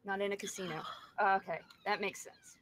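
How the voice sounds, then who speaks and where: Hesitant woman playing a tabletop game, medium pitch. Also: fairly even intonation, moderate pace, a bit bright, slight background noise. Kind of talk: casual, thinking aloud in a role-playing game.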